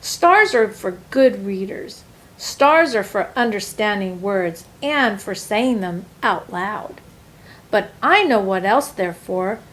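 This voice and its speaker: A woman reads a children's picture book aloud in an expressive storytelling manner, shaping her phrases deliberately. Her voice sits in the mid range, and the recording is rough.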